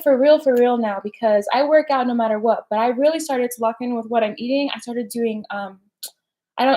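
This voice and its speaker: A woman's voice: a little high, a little mellow. A young woman hosting a casual live stream, chatty and slangy, peppering her talk with "like" and "right?". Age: young adult. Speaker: personal development host.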